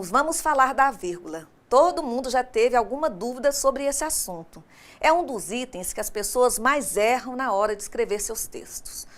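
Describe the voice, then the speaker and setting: Brazilian woman teacher for a recorded online class, slightly high voice, playful and expressive, keeps asking the class questions. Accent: Brazilian Portuguese. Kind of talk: recorded distance-learning lesson.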